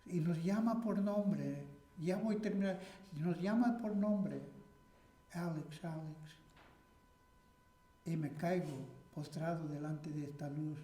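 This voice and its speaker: A man's voice: sits high, warm tone, reverberant. A man preaching a sermon as pastor, emphatic and preacherly, repeating phrases and leaning hard on stressed words.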